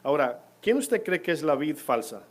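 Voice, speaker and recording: A man's voice: fairly high pitch, very animated, moderate pace. A man preaching a sermon in church, putting questions to the congregation as he goes. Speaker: pastor.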